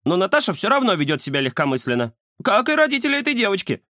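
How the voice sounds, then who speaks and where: A man voicing a chatty, boastful male house cat who talks fast and fussily in an audiobook. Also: high voice, dry recording, studio quality, voice pushed up, heavily acted. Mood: indignant. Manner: excitable, fussy, know-it-all. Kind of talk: audiobook character voice.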